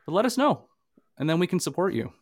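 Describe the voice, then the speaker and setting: A man's voice: sits high, very animated, fast, dry recording, studio quality. Canadian man hosting a live webinar. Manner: conversational, uses homely examples, slight stammers. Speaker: podcast and workshop co-host. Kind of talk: casual live webinar talk.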